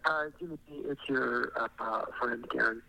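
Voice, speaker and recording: A man leaving a halting, thankful voicemail, played back through a phone speaker so he sounds muffled, as if down a well. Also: mid-range voice, gravelly, noisy background. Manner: halting, with many uhs, thankful. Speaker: podcast co-worker leaving a voicemail. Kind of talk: casual voicemail message.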